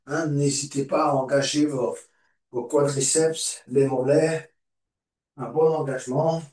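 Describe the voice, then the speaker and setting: A man teaching a morning yoga class, giving calm, encouraging cues and repeating them slowly. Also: medium pitch. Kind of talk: guided yoga class instruction. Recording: echoey room, voice far from mic.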